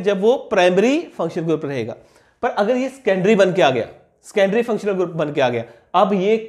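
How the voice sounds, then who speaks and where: A high-pitched young man teaches a chemistry class at the board. He asks questions and answers them himself, repeating each key term slowly so it sticks. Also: a little mellow. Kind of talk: classroom lecture explaining on a board.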